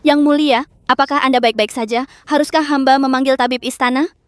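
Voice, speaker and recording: An actress dubbing a loyal young palace maid who speaks deferentially and politely. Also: female voice, sits high, steady tone, fairly quick, smooth, dry recording, close to an everyday voice. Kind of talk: Indonesian drama dub.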